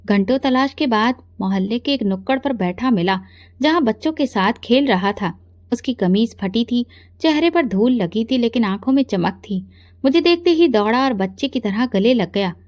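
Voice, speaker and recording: A woman tells a first-person story with calm, earnest narration. Her voice sits a little high. The sound is dry and close, with no room echo. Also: normal speed, muffled recording.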